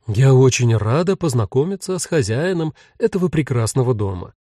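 A man's voice: mid-range voice, animated, a little fast, no room sound, studio quality. A man voicing a polite, fearless young woman writer who talks courteously and formally. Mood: ceremonious. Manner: courteous and formal, speaking loudly and clearly.

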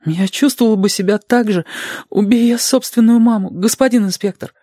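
A distressed young woman in mourning, earnest and politely formal, her voice pitched high and thin as a male reader puts her on. It is a dry, close audiobook read with no room sound. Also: fairly quick, warm tone, no room sound. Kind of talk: audiobook character voice.

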